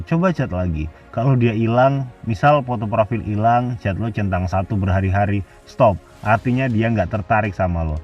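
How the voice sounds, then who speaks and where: A man's voice: medium pitch, darkish tone, distant mic, lo-fi sound. A man giving blunt, casual dating advice as a scripted voice-over. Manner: blunt slangy Jakarta-style casual talk.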